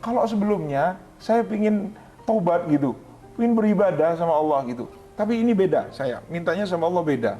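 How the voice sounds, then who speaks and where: An Islamic preacher gives an earnest spiritual testimony during an interview, pleading as his speech shifts between hushed and raised. His voice sits high with lively intonation, and he talks a little fast.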